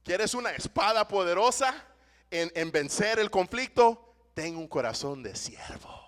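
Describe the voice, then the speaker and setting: Preaching in a church sanctuary, a male pastor gives a sermon in two languages, repeating each passage in English. He is animated and peppers his lines with "right?", his voice climbing loud and then falling soft. His voice sits high and runs a little slow, and the hall adds a long reverb.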